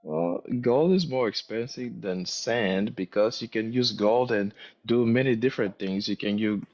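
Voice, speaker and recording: A man's voice: fairly low pitch, a little slow, darkish tone. A man with a thick foreign accent in casual discussion, thinking aloud hesitantly and repeating his phrases. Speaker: guest answering questions. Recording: dull lo-fi audio, music behind.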